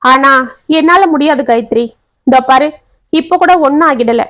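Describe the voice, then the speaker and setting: A woman's voice: sits high, normal speed, fairly bright tone, no echo. A woman voicing a heartbroken young man pleading with the woman he loves. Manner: pleading, emotional.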